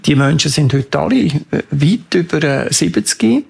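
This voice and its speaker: A man's voice: on the high side, animated, a little slow, creaky, a little mellow, slightly rough. A man with a Swiss German accent giving earnest, emphatic interview answers as a campaigner, often ending on tag questions. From Switzerland.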